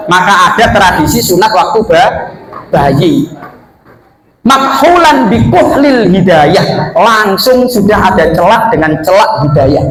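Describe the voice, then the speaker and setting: Preacher guy, pretty high voice, lively jokey sermon, echoey room, crowd around. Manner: lively, jokey, mixes local words and Arabic. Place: prayer room with a gathered audience.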